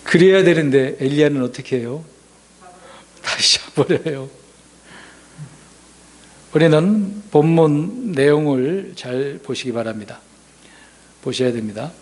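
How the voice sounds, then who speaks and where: A man preaching a sermon as pastor, asking the congregation questions and swinging from loud emphasis to hushed asides. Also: fairly high pitch, expressive, unhurried, long pauses.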